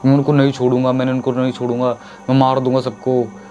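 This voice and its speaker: A man doing a deep-voiced vengeful possessed boy. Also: completely flat delivery, fast, mellow, lo-fi sound, soft background music, natural voice. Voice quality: heavy, deep voice. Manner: menacing, demanding justice.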